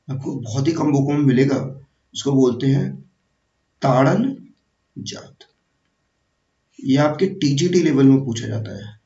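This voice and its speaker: Male teacher running an exam-prep grammar lesson, quizzes the viewer, gravelly low-key voice, heard from afar in an echoey room. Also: warm tone. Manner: slow, repetitive, quizzing the viewer. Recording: echoey, distant, dull room sound.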